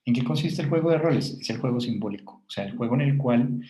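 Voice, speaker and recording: A man with a Colombian Spanish accent lectures to a class. His voice is dark and mellow, and he explains patiently, thinking aloud with fillers and restarts. The room is roomy and echoey. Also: medium pitch, animated, fast.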